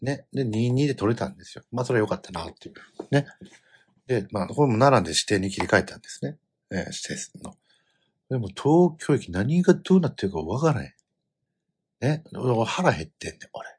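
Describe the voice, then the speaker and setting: A middle-aged man with a Kansai accent, telling a family travel story in casual chat, animated and given to loud outbursts. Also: medium pitch, fairly quick, husky.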